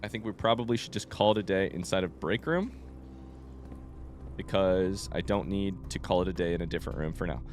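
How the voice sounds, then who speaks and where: Sounding sick, this streamer plays a game blind and thinks out loud in loose, rambling fashion, dropping the odd mild curse. His voice sits low and a little mellow, moving fairly quickly against slight background noise.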